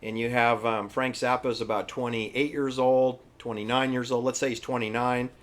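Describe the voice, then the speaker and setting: A man giving informal, opinionated history commentary in an emphatic, halting, repetitive manner. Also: mid-range voice, flat delivery. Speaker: presenter. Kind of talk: informal conspiracy-history commentary over pictures.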